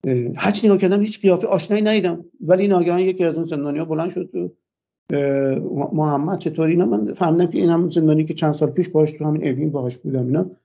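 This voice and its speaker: An older man, a guest in a radio interview, gives a long, hesitant personal account, often pausing on "uh" fillers. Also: a little high, fairly even intonation, vocal fry, mellow, highs cut off.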